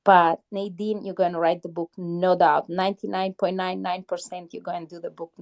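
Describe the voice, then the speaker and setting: Hosting an online audio chat room, a woman offers spiritual encouragement in a casual, effusive, uplifting way, talking about spirituality and intentions. Her voice sits lowish, with little pitch movement and a moderate pace, picked up by a phone or headset.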